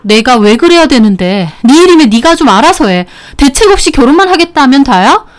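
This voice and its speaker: A woman's voice: high-pitched, big pitch swings, brisk, voice pushed up. A woman doing an indignant young wife. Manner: indignant, raised voice. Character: exasperated young married woman defending her husband. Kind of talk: dramatized story reading.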